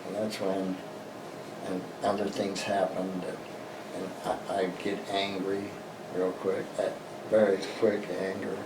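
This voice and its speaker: Deep-voiced older American veteran remembering, halting. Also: male voice, little pitch movement. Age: older, 60s or above. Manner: old veteran remembering, halting and plain-spoken. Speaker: interviewee, war veteran. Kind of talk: personal reminiscence in an interview. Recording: roomy, distant mic, noisy background.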